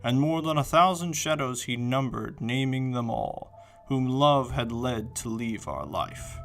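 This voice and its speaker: A man gives a dramatic, declamatory poetry recitation like a stage actor, solemn and deliberate in his phrasing. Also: mid-range voice, expressive, gravelly, fairly bright tone. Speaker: poetry reader. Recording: reverberant hall sound under music.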